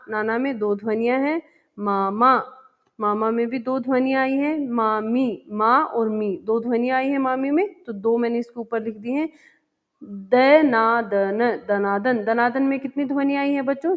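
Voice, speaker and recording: A woman teaching a first-grade Hindi lesson, patiently repeating words and asking the children questions. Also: on the high side. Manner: chants the poem slowly and sing-song. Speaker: primary school Hindi teacher. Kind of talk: explaining a textbook lesson to young children. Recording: dull lo-fi sound with long reverb.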